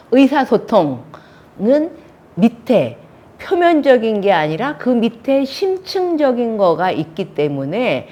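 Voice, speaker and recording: A woman's voice: mid-range voice, dark tone. A woman in her sixties teaching a counseling class, telling stories and acting out the quoted lines. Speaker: counseling instructor. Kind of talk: lecture on counseling technique.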